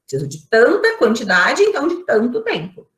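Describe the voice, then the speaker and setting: A woman's voice: a little high, huge pitch swings, a little fast, a bit bright. A woman with a Brazilian Portuguese accent teaching an online microbiology class, explaining step by step, asking rhetorical questions and checking in with her students. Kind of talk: online lecture. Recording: echoey room.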